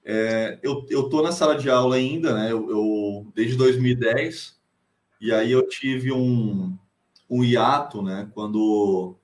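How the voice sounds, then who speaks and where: A Brazilian man, a writer and teacher, answering interview questions casually with many pauses and restarts. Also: medium pitch, a little mellow, reverberant. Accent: Brazilian Portuguese. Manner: hesitant, many fillers and restarts.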